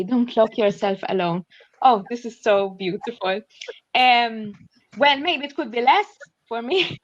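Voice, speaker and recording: An earnest young Maltese woman, Maltese accent clear, reads notes on an online student panel from her shared flat, using many fillers while she thinks aloud. Her voice is slightly high and a little mellow. Her computer mic on the video call cuts off the highs, with no echo.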